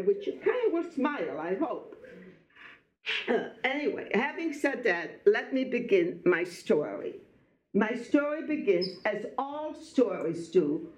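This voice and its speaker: A Belgian-born Holocaust survivor in her late sixties, speaking as a guest, tells her life story to a school audience, chatting and wandering off topic as she addresses the students directly. Her voice is medium-pitched and a little mellow, with slight background noise. The echoey room gives the live talk a dull, muffled sound.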